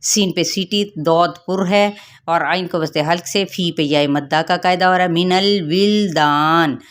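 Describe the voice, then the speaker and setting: A woman with a slightly low voice teaches the rules of Quran recitation. She works through each letter and elongation patiently, one step at a time, like a teacher in a lesson. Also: steady tone. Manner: slow, drawn-out melodic recitation of verses; patient, step-by-step instructional explaining. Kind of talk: tajweed lesson, recitation then explanation.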